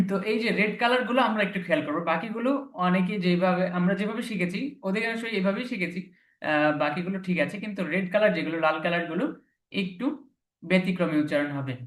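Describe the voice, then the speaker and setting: A man's voice: high-pitched, quick pace, fairly bright tone. A man teaching an English lesson, patiently repeating each letter several times to drill its pronunciation. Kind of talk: recorded classroom lesson. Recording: echoey room.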